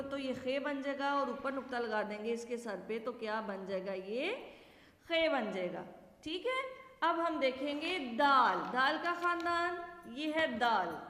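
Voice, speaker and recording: Female teacher, high voice, patient children's lesson; roomy, reverberant recording. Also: a bit bright. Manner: slow, patient, asks and answers own questions. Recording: echoey room with long reverb.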